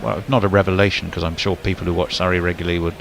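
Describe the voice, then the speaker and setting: A man's voice: low-pitched, flat delivery, rapid-fire, vocal fry, a little hiss or hum. A man doing casual ball-by-ball cricket commentary, rambling with fillers and restarts.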